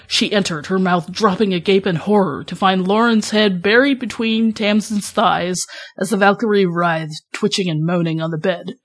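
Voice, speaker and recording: As a podcast host, a woman reads her own scripted fan fiction aloud as narration. Her voice is mid-range and her speed normal.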